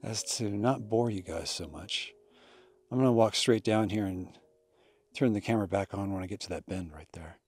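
Low-voiced man vlogging on a hike. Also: moderate pace, slightly rough, no room sound, soft background music. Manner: relaxed, chatty, addresses viewers. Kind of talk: casual hiking narration. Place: outdoors on a desert boardwalk trail.

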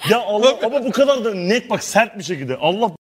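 Guy on a talk show rattling off stories quick, high voice, acts out texts he got. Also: noisy background. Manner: animated storytelling, acting out messages. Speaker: comedian guest. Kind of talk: casual talk-show chat.

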